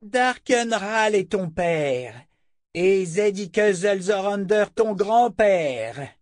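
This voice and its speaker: Cold imperious old seer woman, read by a man, slow and dry. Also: a little high, animated, no room sound, voice pushed up. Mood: insistent. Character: old female seer, harsh and scornful. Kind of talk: audiobook character voice.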